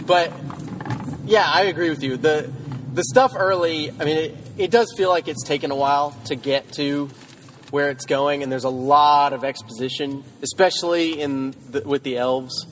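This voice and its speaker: A man's voice: a little high, moderate pace, a little hiss or hum. A man co-hosting a podcast, chatting in a rambling way from inside a car. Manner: rambling, restarts sentences. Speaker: podcast co-host. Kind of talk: casual chat.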